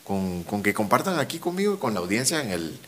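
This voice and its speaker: A man's voice: lowish voice, sing-song, a little fast, fairly bright tone, a little hiss or hum. A Guatemalan man with a Guatemalan Spanish accent who hosts a podcast, agrees easily with his guest, and uses local sayings. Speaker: podcast host. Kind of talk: casual podcast conversation.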